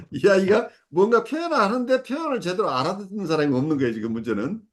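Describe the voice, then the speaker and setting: Man, middle-aged, fairly high voice, animated intonation, measured teaching tone. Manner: measured, frequent self-corrections and fillers. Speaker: psychoanalysis supervisor. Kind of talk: explanatory teaching talk.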